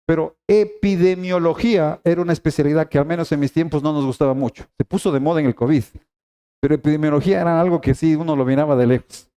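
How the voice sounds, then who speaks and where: High-voiced emphatic male preacher. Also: fast, mellow, clear, resonant tone. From Ecuador. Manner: emphatic, repeats key phrases, addresses congregation directly. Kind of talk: sermon.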